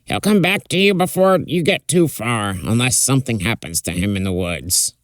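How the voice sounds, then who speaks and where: A man's voice: medium pitch, lively intonation, moderate pace, no echo, natural voice. A man voicing a wily old father who feigns innocence in a fireside folktale. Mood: feigned innocence.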